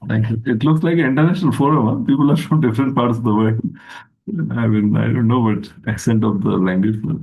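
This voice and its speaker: A man giving a slow, reflective spiritual talk over a video call, lifting his pitch for emphasis. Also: steady tone, vocal fry, muffled recording. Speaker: guest speaker.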